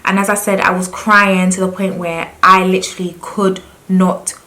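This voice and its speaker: A woman's voice: medium pitch, level tone, moderate pace, pushed and bright, low-quality recording. A young woman talking candidly and earnestly to camera in a personal confessional vlog. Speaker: vlogger.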